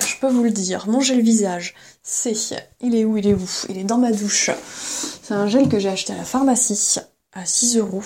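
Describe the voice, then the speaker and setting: A woman's voice: medium pitch, breathy edge. A woman hosting an unscripted podcast, talking casually with many fillers and small laughs while walking around her home. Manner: chatty, hesitant, many fillers and soft laughs. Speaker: podcast host.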